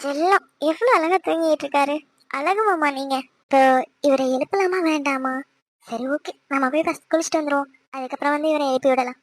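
A woman's voice: high voice, brisk, lightly acted. A young woman voicing a playful, scolding young wife in a cartoon. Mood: musing. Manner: chiding, teasing. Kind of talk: cartoon voice acting.

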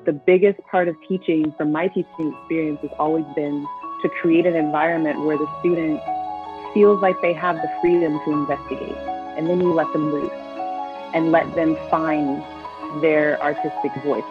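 A woman's voice: low-pitched, level tone, normal speed. A woman in her thirties from the Bay Area, a dance teacher speaking reflectively in an interview. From California Bay Area. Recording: dull lo-fi sound with music underneath.

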